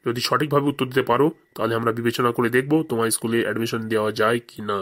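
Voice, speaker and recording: A performer voices a stern, sarcastic male headmaster in a comedy cartoon, interrogating and scolding with sarcasm. The mid-range voice is close to everyday speech, with fairly even intonation and a very fast pace, sounding stern and questioning.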